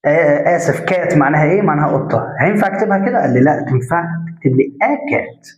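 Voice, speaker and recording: A man's voice: a little high, expressive. A man with an Egyptian Arabic accent teaching a grammar lesson step by step, putting questions to the class and answering them himself, and stretching out example sounds. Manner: drawn-out spoken examples. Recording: echoey room, dull lo-fi sound.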